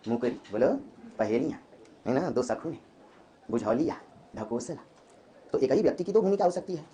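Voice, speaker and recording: कक्षा में हिंदी साहित्य पढ़ाता एक पुरुष शिक्षक, जो बार-बार छात्रों से सवाल पूछता है।. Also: male voice, medium pitch, slight background noise. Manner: lively, quizzes students with quick questions. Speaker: Hindi literature teacher. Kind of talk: classroom lecture. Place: classroom.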